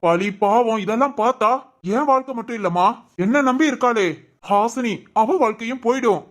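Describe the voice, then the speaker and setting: A woman's voice: a little high, normal speed, natural voice. A woman voicing a young man in a cartoon family story, firm and pleading, with a southern Tamil Nadu accent. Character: young man, earnest, firm groom refusing to marry. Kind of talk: cartoon voice acting.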